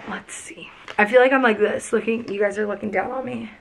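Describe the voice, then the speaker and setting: Sitting on her cluttered bedroom floor, a young vlogger gushes her way through a laid-back packing video, captured by a camera a few feet off. Her voice is medium-pitched with fairly even intonation, vocal fry, and a normal pace, and there's background noise. She's chatty, throwing in plenty of "like" and "freaking."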